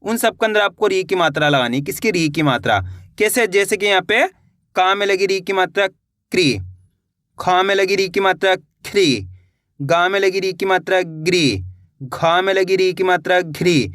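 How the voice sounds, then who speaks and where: A man's voice: high voice, moderate pace, fairly bright tone, no room sound, clean studio sound. A man teaching Hindi reading, sounding words out syllable by syllable, blending them, and checking that his viewers follow. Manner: addresses viewers as friends, checks understanding. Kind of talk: step-by-step phonics lesson.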